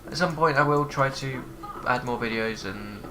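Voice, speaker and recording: Here a man hosting a gaming channel gives a let's play while stuffed up from a cold, his talk wandering and filler-heavy. He speaks at a moderate pace with a medium pitch, and the background is noisy.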